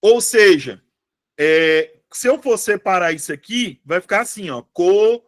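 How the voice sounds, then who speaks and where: A man teaches a live online class. His voice sits a little high for a man, and he keeps up a chatty, informal tone. He checks in with his viewers often as he talks. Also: expressive, measured pace. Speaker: online exam-prep teacher.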